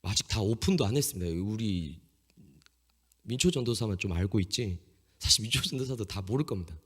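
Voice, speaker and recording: With a slightly rough, fairly bright voice on the low side, a man in his thirties tells a self-mocking, humorous story from his own life in a sermon for a youth congregation. He's animated and brisk. The church sanctuary gives the recording a long reverb.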